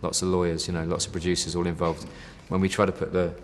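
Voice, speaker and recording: Deep and fast with little pitch movement, this voice trails a long reverb over slight background noise. The speaker is an interviewed band member who rambles casually, packing in fillers, "you know", and the odd "mate".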